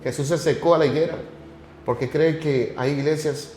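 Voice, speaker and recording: A man's voice: fairly high pitch, fairly even intonation, moderate pace, darkish tone, slight background noise. A man hosting a church podcast, preaching fervently and piling up rhetorical questions. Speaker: podcast host. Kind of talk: sermon-like commentary. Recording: echoey room with music behind.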